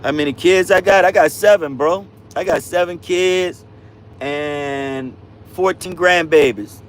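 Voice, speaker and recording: Calling his viewers bro and fam, a fifty-something truck driver runs a casual livestream and works through their comments in easygoing slang. He speaks a little slowly in a fairly high voice, with slight background noise.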